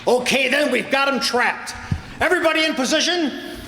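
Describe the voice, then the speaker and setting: A man playing a bossy, excitable police inspector who barks orders in an old-time radio crime drama. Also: very high-pitched, moderate pace, slight background noise, heavily acted. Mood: bossy, excited. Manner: barking orders. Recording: echoey hall.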